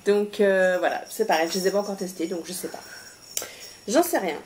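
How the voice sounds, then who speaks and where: A woman talks through her latest shopping haul in a relaxed, unscripted way. She hesitates often, restarts sentences and fills pauses with "euh". Her voice sits at an average pitch over a faint background hiss. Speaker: vlogger presenting a shopping haul. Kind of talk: casual haul chat.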